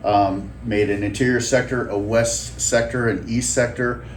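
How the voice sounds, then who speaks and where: A man's voice: medium pitch, fairly even intonation, measured pace. A male fire commander methodically recounting an incident response. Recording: echoey room with faint noise.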